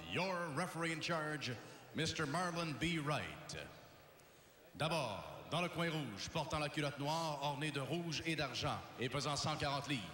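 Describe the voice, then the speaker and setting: A man working as a boxing ring announcer, formally introducing fighters in a measured, declamatory way over an arena PA. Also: fairly high pitch, sharp tone, a little hiss or hum. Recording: echoey arena PA with long reverb.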